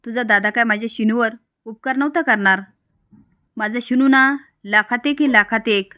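A woman's voice: a little high, normal speed, pushed and bright, dry recording, studio quality. A woman voicing a domineering, boastful mother-in-law in a serial retelling. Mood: scolding. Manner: boastful, scolding. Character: domineering proud middle-aged mother-in-law.

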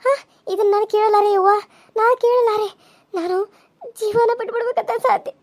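A wronged young pregnant wife from a village cartoon, as a woman plays her, wailing her reproaches through tears. Her voice sits extremely high. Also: fast talker. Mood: tearful. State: crying. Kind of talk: cartoon serial voice acting.

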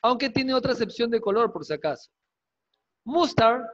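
A man teaching an English class online, lively and coaxing, quizzing students with quick questions and jokes. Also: very high-pitched. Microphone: video call. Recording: dull lo-fi video call audio.

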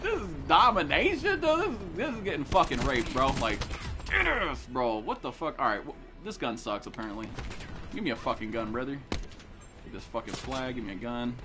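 A young man streaming a shooter game, cursing constantly, yelling and complaining in loose casual commentary. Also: mid-range voice, normal speed. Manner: excitable, swears constantly, yells and complains.

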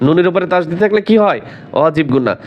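A man's voice: fairly high pitch, animated, lo-fi sound. Man teaching Quran recitation. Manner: drills letter by letter, asks learners questions, slow drawn-out chanting. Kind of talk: spelling out and chanting Quranic words.

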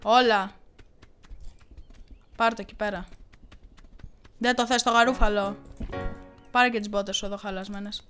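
A woman gaming YouTuber doing let's play commentary, with excitable shouted reactions and playful taunts. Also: medium pitch, pauses often, soft background music.

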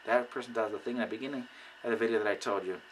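A man giving casual how-to advice on recruiting people, animated and acting out conversations. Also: lowish voice, very fast, slight background noise, rough recording. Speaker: network marketing recruiter. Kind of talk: casual how-to video talk.

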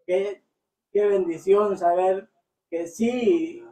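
A man's voice: high-pitched, fairly even intonation, very slow, mellow, echoey room, recorded from a distance, rough recording. A man giving an earnest devotional testimony, repeating himself as he searches for words. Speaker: church member giving testimony.

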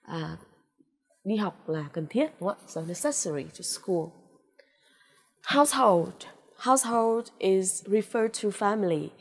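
Vietnamese lady teaching english vocab, says each word slow a few times, lots of "ok" and little fillers. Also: medium pitch, expressive. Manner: slow, drawn-out repetition of English words; frequent "ok" and "à" fillers, coaxing "đúng không ạ?". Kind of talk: vocabulary lesson with pronunciation drills.

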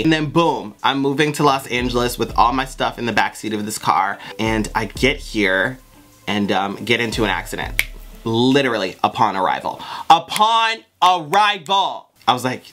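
A young adult American vlogger with an androgynous voice, telling a story in casual, sassy, animated chat with plenty of swearing. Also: mid-range voice. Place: small bedroom, indoors. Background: background music.

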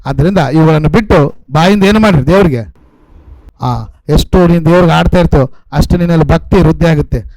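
A man's voice: a little high, fairly quick, long pauses, a little mellow, dry recording, low-quality recording. A man preaching a sermon in a North Karnataka accent, constantly asking the congregation questions and repeating his phrases. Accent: North Karnataka Kannada. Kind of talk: sermon with call-and-response questions. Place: church in a coastal city.

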